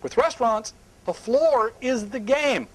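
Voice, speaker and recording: A middle-aged man speaking at a live seminar on a small indoor stage, emphatic and animated, sometimes dropping to hushed asides. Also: very high voice, a little slow, rough recording.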